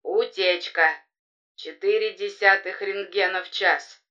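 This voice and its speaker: A woman voicing a male repair robot that answers in a flat, monotonous, deep-toned voice. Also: a little slow, lo-fi sound.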